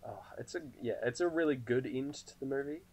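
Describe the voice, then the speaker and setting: A man in casual podcast conversation, relaxed and loose in his phrasing. His speech is full of "like" fillers, and he laughs easily. He has a medium pitch and talks into a podcast microphone. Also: fairly quick, rough recording. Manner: laid-back, lots of filler "like", laughs often. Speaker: podcast co-host. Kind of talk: casual film discussion.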